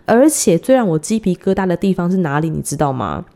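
A woman in her thirties, a podcast host, telling a personal story in a chatty, giggly way with drawn-out dramatic pauses. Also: lowish voice, sing-song, gravelly, mellow.

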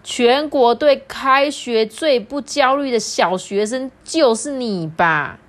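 A woman's voice: a little high, slow, pitched above the performer's own voice. A woman voicing a father who teases and scolds his young son in a mock-stern way, for a read-aloud children's story. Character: teasing, grumbling father of a young boy.

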